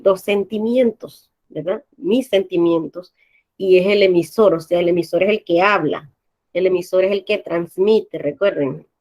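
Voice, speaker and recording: A woman's voice: on the low side, dark tone. A woman teacher with a Panamanian accent, patiently explaining a language lesson and often checking with her class by asking "right?".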